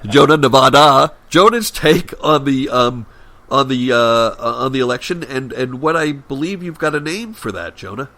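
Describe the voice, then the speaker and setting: Bright-voiced New York man hosting. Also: mid-range voice, animated, normal speed. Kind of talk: casual discussion, moderating.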